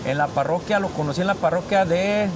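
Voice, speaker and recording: A man's voice: high voice, a little fast, background noise. A man hosting a casual interview, chatty and rambling, repeating himself as he talks. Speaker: host. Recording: music playing behind.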